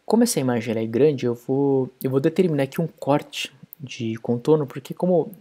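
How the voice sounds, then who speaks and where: A man's voice: medium pitch, lively intonation, brisk, dark tone. A man explaining code step by step in a programming tutorial screencast. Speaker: programming instructor.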